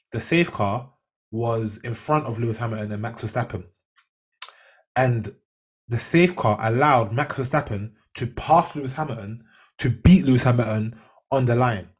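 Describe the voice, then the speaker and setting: A man with an urban London roadman accent, chatting casually in street slang and telling things in an animated way. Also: medium pitch, slightly rough.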